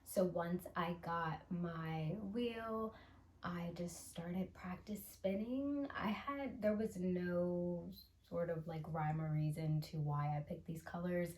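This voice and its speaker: Slow-talking woman in an echoey room. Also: fairly low pitch. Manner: unhurried, chatty, with soft laughs and fillers. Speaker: channel host. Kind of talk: casual show-and-tell vlog.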